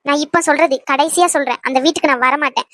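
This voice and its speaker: A woman playing a defiant young woman who breaks with her family, scolding fast and then turning tender. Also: high-pitched, steady tone, fairly bright tone. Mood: angry. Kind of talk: amateur web drama acting.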